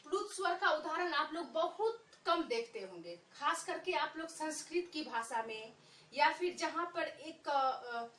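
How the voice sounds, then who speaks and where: A woman's voice: high voice, expressive, unhurried, a bit bright, far from the mic. A woman teaching a lesson to children, patiently repeating points and drawing out vowel sounds. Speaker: Hindi teacher. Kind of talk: online Hindi lesson for children. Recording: echoey room, voice a bit off-mic.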